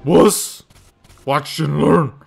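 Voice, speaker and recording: A man's voice: a little high, steady tone, extremely slow, vocal fry, darkish tone, husky. A man giving casual, wisecracking let's-play commentary while gaming, easily surprised. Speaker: gaming YouTuber. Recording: voice over game music.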